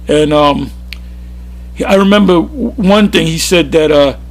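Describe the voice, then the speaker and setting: A man's voice: fairly high pitch, measured pace. A man giving an informal, rambling sermon, often restarting his sentences. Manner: rambling, with frequent restarts and fillers. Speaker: religious teacher.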